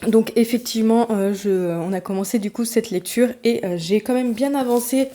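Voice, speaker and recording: Stuffy and worn out from a summer cold, a woman talks casually to her viewers about what she has been reading in this vlog chat. Her warm, mellow voice sits on the high side at a moderate pace, and she rambles with many fillers, small hesitations, and restarted sentences.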